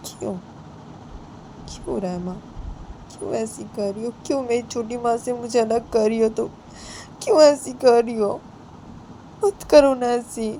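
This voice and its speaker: A woman voicing an emotional young woman who pleads and refuses in a raised, high voice. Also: measured pace, pauses often, mellow, a little hiss or hum. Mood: pleading. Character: young woman, tearful and clinging to her aunt.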